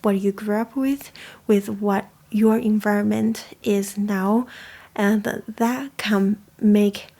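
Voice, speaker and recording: Hosting a coffee chat, a young woman from China muses casually and thoughtfully in her first language, Chinese. She speaks slowly and steadily, her mid-range voice dark and touched with vocal fry.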